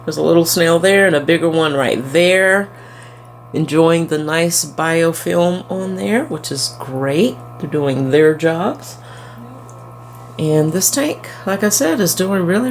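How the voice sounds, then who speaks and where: A low-voiced woman with a twang chats warmly and casually at home beside her fish tank, narrating in a fond, relaxed way as an aquarium vlogger. There's a bit of hiss or hum in the audio.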